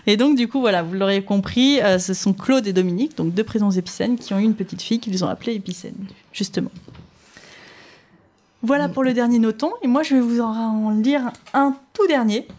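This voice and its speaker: A woman's voice: on the high side, fairly quick, a little mellow. A woman presenting books in a casual chat, talkative with frequent fillers and easy laughter. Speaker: book reviewer on a radio show. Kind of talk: casual book chat and reading aloud.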